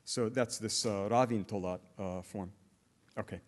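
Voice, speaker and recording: A middle-aged man with a voice on the low side gives a linguistics talk at an academic conference. He explains his examples step by step, but hesitates a lot, with frequent "uh" sounds and restarted phrases.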